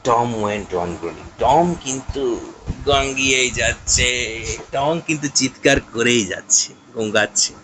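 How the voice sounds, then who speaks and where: A man's voice: mid-range voice, takes it slowly, fairly bright tone, slight background noise. A male teacher explaining a prose text in a lecture, reading English lines and translating them.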